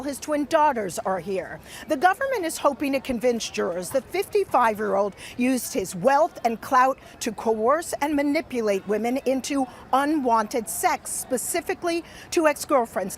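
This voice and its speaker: A high-pitched American woman delivers a live TV news report in a measured, deliberate way. She speaks as a field reporter, with faint street noise behind her.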